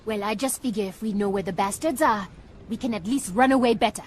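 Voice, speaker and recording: An actress playing a plucky young woman in danger in an audio drama, expressive in delivery. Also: medium pitch, quick pace, background noise, close to an everyday voice. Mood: wary. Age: young adult. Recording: loud music behind the voice.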